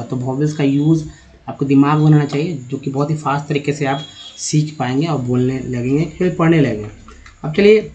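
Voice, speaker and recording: A man's voice: fairly high pitch, a little mellow. A man teaching English pronunciation in Hindi, patiently spelling words letter by letter and calling his viewers friends. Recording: dull lo-fi recording.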